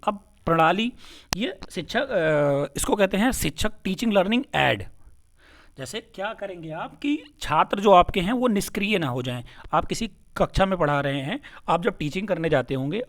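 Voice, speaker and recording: A man teaching an exam-prep lesson. He asks questions and answers them himself, and repeats key words with "kya?". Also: high-pitched.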